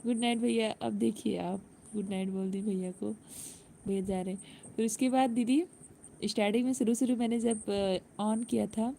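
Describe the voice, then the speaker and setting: A woman's voice: on the high side, steady tone, moderate pace, vocal fry, mellow, slight background noise. A woman hosting a casual live stream, chatting and laughing with viewers and greeting them by name.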